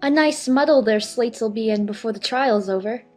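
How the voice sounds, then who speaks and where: A woman's voice: normal speed, darkish tone, soft background music, natural voice. A woman voicing a curious, indignant little girl in a storybook. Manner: high, indignant, then meek.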